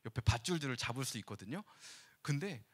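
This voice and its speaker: A man who is a pastor, giving a lively sermon with acted-out quotes and laughs in a church. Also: medium pitch, fast, breathy edge. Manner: animated, acts out dialogue, laughs with the congregation. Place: church sanctuary.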